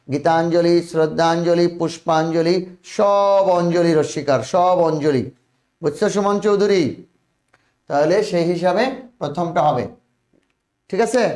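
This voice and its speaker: A man with a high voice teaches spelling in an echoey room. He repeats each word over and over and presses his students for quick answers. His talk is brisk and coaxing, a classroom drill. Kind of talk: online spelling lesson.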